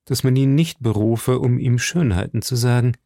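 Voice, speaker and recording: A man's voice: mid-range voice, mellow, dry recording, clean studio sound, natural voice. Aramis, a man voicing a courtly young musketeer. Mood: cautious. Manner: measured, courtly. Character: young gallant male musketeer, poetic and coy.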